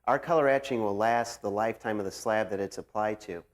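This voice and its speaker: A man's voice: on the low side, brisk. A man giving fluent, assured, rehearsed explanations as a company representative in an interview.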